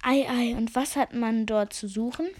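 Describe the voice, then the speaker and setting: A woman's voice: fairly high pitch, steady tone, moderate pace, darkish tone, a little hiss or hum, close to an everyday voice. A woman voicing a haughty, lazy male lizard who serves as a court official, speaking nasally and condescendingly in a storybook. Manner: condescending, drowsy.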